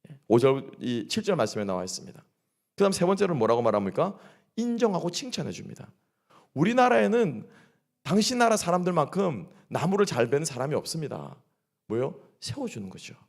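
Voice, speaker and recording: A man preaching to his congregation at a midweek service, his voice sitting a little high and swinging widely up and down. He keeps throwing questions at the listeners and answering them himself. A gravelly edge runs through his speech. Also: big pitch swings, a little fast. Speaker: pastor. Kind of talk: sermon at a midweek church service. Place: church sanctuary.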